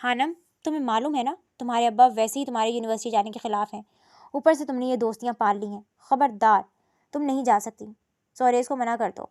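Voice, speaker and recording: A woman's voice: on the high side, a little mellow, close to an everyday voice. A woman voicing a stern, worried middle-aged mother who speaks firmly and reproachfully in a storybook reading.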